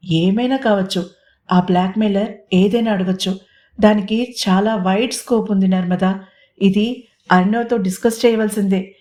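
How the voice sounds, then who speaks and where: A woman's voice: mid-range voice, steady tone, normal speed, pauses often, darkish tone, lightly acted. A woman voicing a teasing, scheming young man who slips English phrases into his talk, in a storybook reading. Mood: thoughtful. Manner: playful, mixes English phrases.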